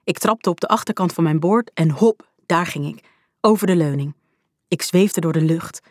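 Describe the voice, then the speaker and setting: A woman reading a storybook aloud in the first person, with a lively, vivid telling. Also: fairly low pitch, normal speed, no echo, studio quality. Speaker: audiobook narrator. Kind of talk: scripted storybook narration.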